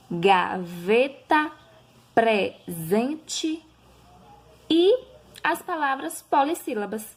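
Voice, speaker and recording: A woman, a primary school teacher recording a review lesson for children, talking slowly and patiently, drawing out example words and often checking in with her listeners. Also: on the high side, creaky.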